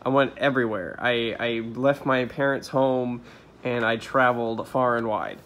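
A man's voice: mid-range voice, steady tone, unhurried, a bit bright. A young man casually recapping a show episode in a rambling, profane way, full of ums and uhs.

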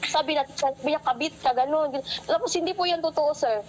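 Young woman filing a complaint, kinda high voice, lots of ums, polite, faint noise behind. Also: fairly quick, rough recording. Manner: hesitant, many fillers, polite. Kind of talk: complaint on a call.

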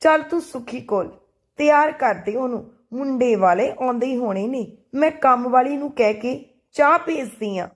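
A firm, worried middle-aged mother from a spoken storybook, as a woman narrator puts her on. She coaxes and insists in a slightly high, plain voice. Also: expressive, moderate pace.

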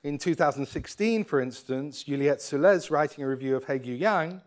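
An older man delivers an academic keynote from a lectern, thinking aloud as he goes. His speech is halting and full of fillers and restarts. He speaks into a lectern microphone in a lecture hall. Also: fairly high pitch.

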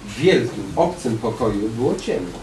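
A man reading a children's story aloud to children with lively, expressive storytelling. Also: on the low side, moderate pace. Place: library hall with children. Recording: echoey hall, distant mic, faint noise.

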